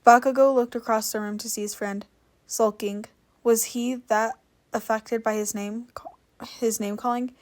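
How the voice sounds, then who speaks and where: A woman's voice: fairly high pitch, fairly even intonation, normal speed. A woman reading a fan story aloud in a casual, unpolished way with small slips. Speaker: reader.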